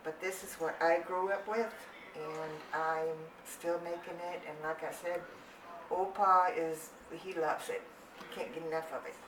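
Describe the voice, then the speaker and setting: Speaking a little slowly with a lowish voice and fairly even intonation, an older woman from Rhineland-Palatinate in Germany hosts a home cooking channel. She demonstrates a family recipe step by step in a chatty, homey, casual way from her home kitchen. The recording is noisy and echoey, with her voice picked up from a distance.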